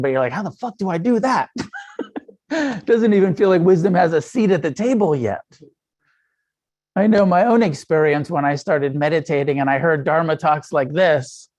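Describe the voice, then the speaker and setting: A man's voice: fairly high pitch, darkish tone. A middle-aged man teaching meditation in a loose, conversational dharma talk. He speaks frankly, swears freely and often stops to restart a sentence. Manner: frank and profane, with frequent fillers and self-restarts.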